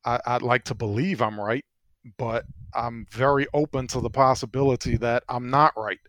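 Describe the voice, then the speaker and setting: Man, podcast co-host, thinks out loud and laughs at himself; dry booth sound. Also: mid-range voice, steady tone, normal speed, dry recording. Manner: reflective, self-deprecating, laughs often. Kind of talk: casual political podcast chat.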